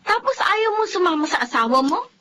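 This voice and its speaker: In a radio drama, a woman with a Filipino accent plays a blunt confidante scolding and lecturing a young wife. Her very high-pitched voice is brisk and highly animated, her delivery emphatic and admonishing.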